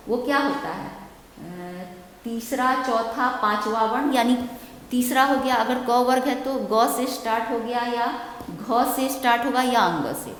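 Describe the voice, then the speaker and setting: A woman teaches an online grammar lesson in a high voice. She talks slowly and keeps checking with the class. Her voice rings around a bare room with a long, strong echo. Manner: slow, repeats "ठीक है?" to check understanding. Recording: echoey room with long reverb.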